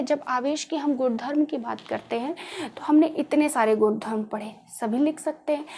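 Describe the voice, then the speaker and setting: A woman's voice: high-pitched, a little mellow, a little hiss or hum. A woman teaching a class, who keeps asking her students questions and repeating the key terms. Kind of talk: classroom lecture. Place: classroom with a board.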